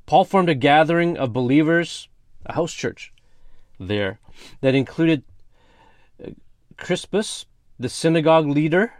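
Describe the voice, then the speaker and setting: A man's voice: on the high side, animated, measured pace, long pauses, dry recording, clean studio sound. A man preaching a casual, earnest sermon as pastor, talking conversationally with everyday slang and reading scripture aloud.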